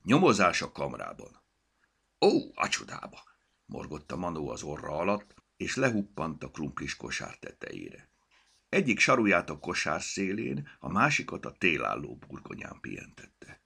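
A man reading a children's storybook aloud as narrator, with expressive delivery. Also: extremely low pitch, gravelly, breathy edge.

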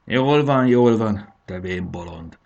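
A man voicing an old, proud, quick-tempered female dragon who gives commands and scolds, then softens. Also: on the low side, very animated, creaky, husky, dull audio, heavily acted. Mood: gentle.

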